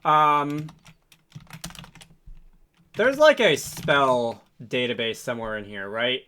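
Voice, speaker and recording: A game developer who hosts programming videos gives a casual, unscripted tutorial, thinking aloud in a hesitant, rambling way and correcting himself as he goes. His mid-range voice is clear and resonant, sharp in tone with lively intonation, and he takes it slowly. Keyboard typing and mouse clicks sound in the background.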